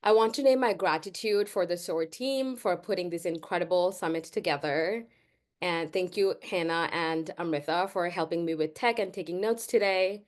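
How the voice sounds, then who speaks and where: A woman from Bangladesh, leading an online workshop in an earnest, measured way with frequent "um" pauses, heard over a video call. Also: fairly low pitch. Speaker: workshop facilitator.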